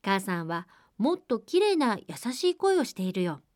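A woman's voice: medium pitch, big pitch swings, moderate pace, darkish tone, no echo, studio quality, lightly acted. A woman voicing a group of young goat kids in a storybook, talking in a bold, childish way. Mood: defiant.

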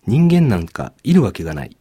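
Old stone guardian, male, grave and fatherly, low dark voice, read by a male narrator. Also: wildly swooping pitch, brisk, breathy edge, exaggerated voice. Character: kindly elderly male stone guardian statue.

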